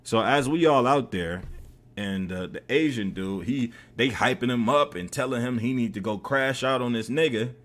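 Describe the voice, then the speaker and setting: A man's voice: mid-range voice, moderate pace, a bit bright. An American man streaming, loosely retelling a story with many fillers. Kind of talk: casual storytelling.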